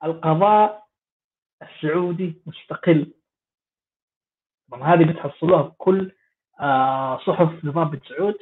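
A man's voice: fairly high pitch, moderate pace, pauses often. A man giving sarcastic, mocking political commentary in a rambling way. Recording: tinny phone-like audio.

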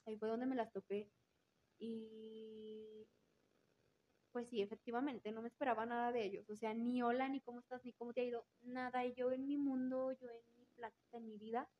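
A woman's voice: a little high, little pitch movement, moderate pace, highs cut off. A woman with a Mexican Spanish accent telling a personal story in an interview, candid and casual, swearing freely and repeating words for emphasis. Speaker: interview guest.

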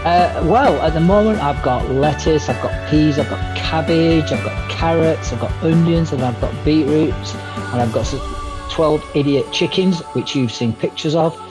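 Cheery podcast co-host. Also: male voice, fairly high pitch, normal speed, over music, low-quality recording. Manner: cheerful, self-mocking banter. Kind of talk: casual chat.

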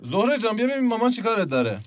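A gravelly, raspy father. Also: mid-range voice, lively intonation, exaggerated voice. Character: easygoing adult father, mild and reasonable. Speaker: father in family audio drama. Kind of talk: comic radio-play acting.

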